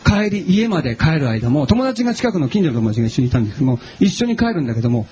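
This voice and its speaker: Lively, animated male pastor preaching. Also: a little high, racing, low-quality recording. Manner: chatty and animated, asks the audience questions. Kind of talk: sermon with personal stories.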